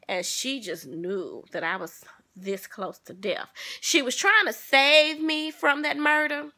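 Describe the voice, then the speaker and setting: A woman vlogger telling a personal story to her viewers in an animated, sassy way. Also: sits high, slow. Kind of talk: casual storytelling.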